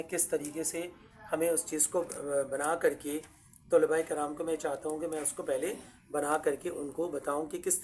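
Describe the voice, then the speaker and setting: A man's voice: fairly high pitch, darkish tone. A male calligraphy teacher with an Urdu accent talks his students through each stroke. He is patient and repetitive, often stopping to say "look here, beta". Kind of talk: step-by-step handwriting lesson.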